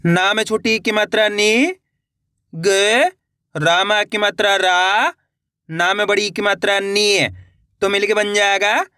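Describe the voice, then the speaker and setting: Guy teaching reading, high bright voice, dry close sound, drags words out slow. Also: no room sound. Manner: slow, drawn-out syllable-by-syllable pronunciation. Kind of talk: online reading lesson.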